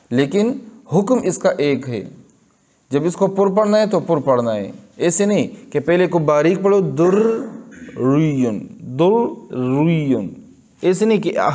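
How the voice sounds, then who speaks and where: A man with a Pakistani Urdu accent teaching Quran recitation rules in a slow lesson, patiently repeating example words and asking and answering his own questions. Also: fairly high pitch, a little mellow.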